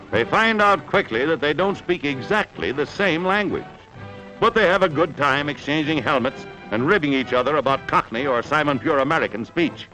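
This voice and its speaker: A man's voice: a little high, rough recording. A man narrating an old 1940s wartime newsreel in a dramatic, emphatic announcing manner. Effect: old wartime newsreel sound. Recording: narration over loud orchestral music.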